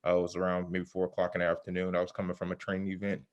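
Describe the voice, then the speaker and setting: A man talking through a mask that muffles him, giving a halting, conversational personal account in an interview. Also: low voice, completely flat delivery, dull audio. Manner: halting, pausing often with "you know". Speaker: interview guest, self-defense shooting survivor.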